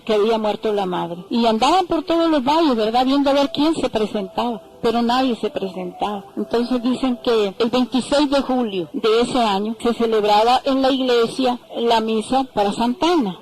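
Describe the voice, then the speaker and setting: A woman's voice: a little high, a little mellow, rough recording. An older woman recounting family memories in an interview, acting out the quoted voices and adding frequent tag phrases. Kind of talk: oral history storytelling.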